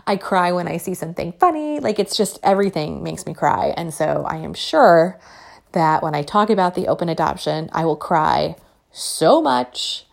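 A woman's voice: lowish voice, animated, normal speed, vocal fry. A woman in her thirties hosting a solo podcast, chatting candidly and joking at her own expense. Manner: candid, chatty, self-deprecating. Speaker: podcast host. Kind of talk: casual solo podcast talk.

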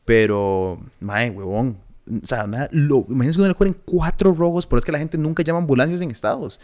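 Co-hosting a podcast, this young Costa Rican man speaks in a mid-range voice at a fairly quick pace. He spins a long anecdote in casual conversation, animatedly performing quoted voices and frequently breaking into laughter.

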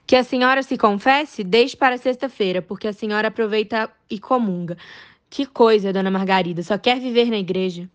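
A woman playing a quick-tongued, teasing young maid in a stage play. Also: mid-range voice, lightly acted. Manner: teasing, cajoling.

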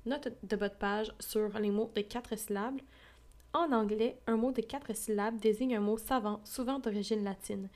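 A woman reading a classic novel aloud as a podcast host. She moves from even reading into wry spoken asides. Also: mid-range voice. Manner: reads dialogue evenly, then drops into wry asides.

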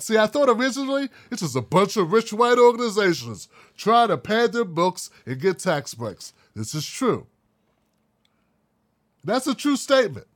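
Heated, blunt man ranting, high-pitched. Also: a bit bright. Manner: blunt, heated, profane ranting with mocking put-on voices. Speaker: commentary show host. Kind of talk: casual opinion monologue.

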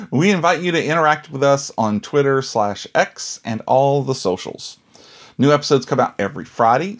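Male podcast host, mid-range voice, highly animated intonation, casual conversational delivery.

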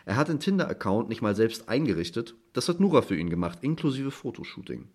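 A man reading his own literary short story aloud in a dry, measured way. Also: mid-range voice, sing-song, darkish tone. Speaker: author reading at a literary stage.

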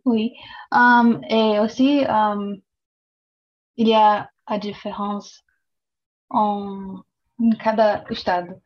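A woman from Brazil, native in Portuguese, talks very slowly as a French learner, groping for words. Her voice comes through dull, lo-fi call audio. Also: mid-range voice, level tone. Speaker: student.

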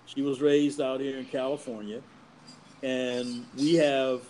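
A man in his fifties from the US East Coast, telling personal stories in a reflective, measured way in casual conversation. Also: mid-range voice, little pitch movement, darkish tone, a little hiss or hum, rough recording. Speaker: guest.

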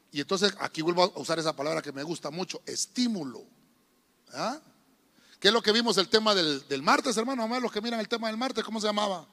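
Pastor preaching in an echoing hall. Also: male voice, sits high, vocal fry, bright, forceful tone. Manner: emphatic, calls on the congregation to repeat phrases. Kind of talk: sermon. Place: church hall. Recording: long church reverb.

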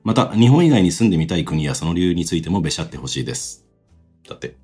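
Low husky man, relaxed chat. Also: fast talker, faint music behind. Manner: relaxed, musing, trails off softly. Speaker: podcast co-host reading listener mail. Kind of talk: casual chat.

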